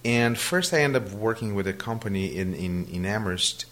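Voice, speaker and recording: With a lowish, fairly bright and expressive voice at a moderate pace, a Brazilian man who speaks Portuguese natively responds to an interviewer, stumbling over fillers and often beginning sentences again.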